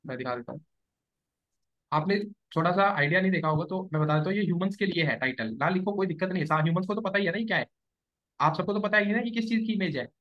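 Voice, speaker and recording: A man leads a live computer lesson, pausing to ask whether everyone follows. His voice sits notably high. The recording is dull and lo-fi. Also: lively intonation. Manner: explanatory, checks understanding often. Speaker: SEO trainer. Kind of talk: live classroom tutorial.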